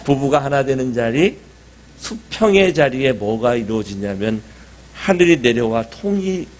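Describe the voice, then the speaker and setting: A man's voice: medium pitch, very animated, normal speed, a little mellow, a little hiss or hum. Middle-aged male pastor, mid-range voice, easygoing conversational sermon full of rhetorical questions. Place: church sanctuary.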